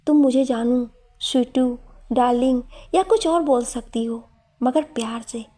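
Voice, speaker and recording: A woman voicing a lovestruck, playful young male professor in a read-aloud story, with a warm, breathy voice. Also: on the high side, a little slow. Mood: teasing. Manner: teasing, pleading. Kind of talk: storytelling narration.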